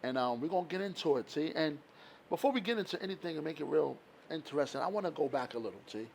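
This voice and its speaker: A man hosting a casual podcast interview, laid-back and quick to affirm with no doubt and dope. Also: fairly high pitch, animated, gravelly. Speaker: podcast host. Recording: faint background noise.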